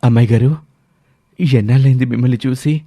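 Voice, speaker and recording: A man's voice: mid-range voice, fairly even intonation, brisk, dark tone, dry recording, natural voice. Casual one: guy playing a loyal devoted friend in a story, earnest and respectful, dry close sound. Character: loyal, devoted young man, grateful old friend. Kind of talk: storybook voice acting.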